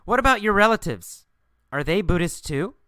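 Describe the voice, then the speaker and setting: A man's voice: high voice, big pitch swings, normal speed, pushed and bright, no echo, pitched above the performer's own voice, full character voice. A man voicing a pushy adult male street preacher in a story, asking insistent questions.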